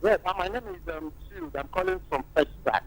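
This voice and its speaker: A man calling in to a talk show by phone, halting and repeating his words. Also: high-pitched, sing-song, poor audio. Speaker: caller. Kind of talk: phone-in question. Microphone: telephone line.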